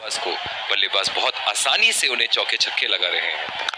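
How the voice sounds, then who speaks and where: Male cricket commentator, emphatic and exclamatory, very lively intonation, recorded with heavy background noise. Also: fairly low pitch, normal speed. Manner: exclamatory, emphatic praise of play. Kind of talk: excited sports commentary.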